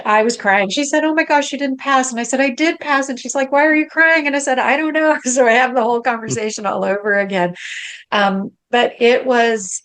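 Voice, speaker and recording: A middle-aged woman, a guest coach, telling a story in a conversational interview, her voice rising high as she relives moments. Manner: animated, rises high when reliving moments.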